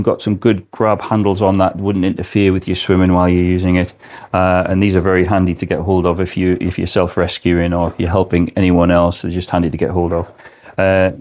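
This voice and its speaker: A man's voice: low voice, darkish tone. A man giving an informal product explanation as a presenter, speaking indoors in a shop.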